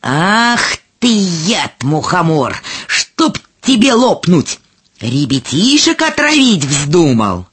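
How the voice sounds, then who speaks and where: A woman voicing a chorus of forest mushrooms in a squeaky, scolding manner. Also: sing-song, takes it slowly, a bit bright, slightly rough, full character voice. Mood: furious. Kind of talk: storybook reading.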